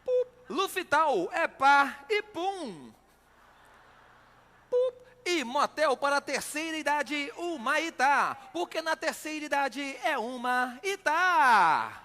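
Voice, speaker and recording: A man with a Brazilian accent from Minas Gerais playing an over-the-top show announcer, making a drawn-out grand entrance announcement. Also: sing-song, sharp tone, exaggerated voice. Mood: grandiose, mock-solemn. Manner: drawn-out, booming stage introduction. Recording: reverberant hall sound.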